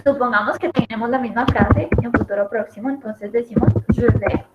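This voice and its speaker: A woman's voice: on the high side, fairly even intonation, brisk. A woman teaching a French lesson in Spanish, explaining each example step by step and repeating it. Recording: echoey room, dull lo-fi audio, noisy.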